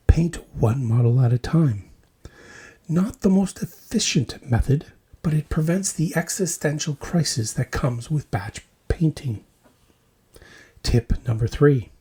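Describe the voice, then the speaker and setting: Slightly high yet dark and husky, a man's voice runs through a scripted, joking news roundup for his tabletop wargaming podcast. He keeps the phrases short and punchy, and the show includes mock commercials.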